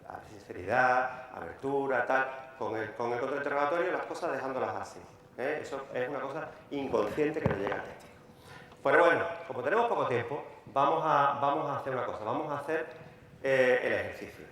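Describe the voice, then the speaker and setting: A man with a Peninsular Spanish accent, a lawyer giving a live workshop lecture, talking briskly and repeating key words for emphasis. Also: mid-range voice, fairly bright tone. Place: large conference hall. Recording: echoey hall, faint room noise.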